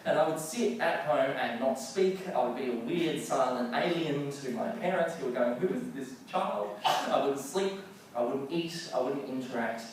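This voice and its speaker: A man telling a personal story in an animated, self-mocking way with playful comic timing. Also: medium pitch, moderate pace. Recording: echoey hall, distant mic, faint noise.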